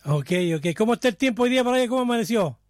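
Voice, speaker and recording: A man hosting a live community radio show, greeting listeners over and over and firing off quick questions. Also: very high voice, lively intonation, darkish tone, dry recording, clean studio sound. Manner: effusive, repeats greetings, rapid-fire questions.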